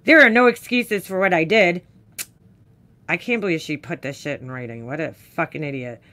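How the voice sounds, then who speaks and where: A woman's voice: sits low, moderate pace, pushed and bright. A woman streamer with a New York accent, reading a letter aloud and ranting about it with scornful, profane exasperation. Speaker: makeup commentary streamer. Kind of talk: ranting live reaction.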